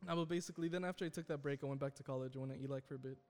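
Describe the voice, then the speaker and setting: A man's voice: mid-range voice, fairly even intonation, rapid-fire, darkish tone. A young American man hosting a casual podcast, telling slangy, joking, self-deprecating stories among friends. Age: young adult. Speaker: podcast host.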